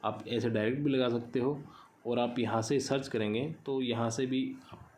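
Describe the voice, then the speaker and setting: A man's voice: medium pitch, fairly even intonation, normal speed, darkish tone, a little hiss or hum. A man explaining an online check step by step, repeating numbers aloud as he types them. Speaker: tutorial host. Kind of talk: screen-recorded how-to explanation.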